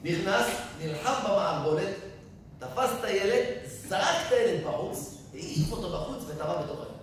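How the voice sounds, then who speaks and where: A man, a rabbi, giving a sermon full of stories and acting out the people in them. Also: high voice. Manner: animated, acts out quoted people. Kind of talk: sermon with storytelling. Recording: echoey hall, mic far off, faint noise.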